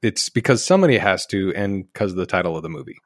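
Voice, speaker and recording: A man's voice: sits low, animated, quick pace, no echo, studio quality. A man co-hosting a podcast, casually retelling a movie plot with jokey asides. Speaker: podcast co-host. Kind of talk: casual movie recap chat.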